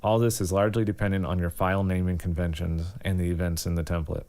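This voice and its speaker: Speaking quickly and in an even tone, a man with a deep voice walks learners through software in a tutorial. He breaks things down one step at a time, keeping his instructional style casual.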